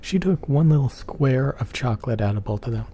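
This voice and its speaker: A soft-spoken man rambling casually in an ASMR chat, often repeating himself. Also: mid-range voice, animated, brisk. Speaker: ASMR channel host. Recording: clear background noise.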